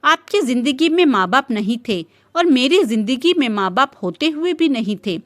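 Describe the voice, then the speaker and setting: A woman's voice: high-pitched, big pitch swings, moderate pace. A woman voicing a timid, innocent young woman who speaks hesitantly and pleadingly in a storybook reading. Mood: sad.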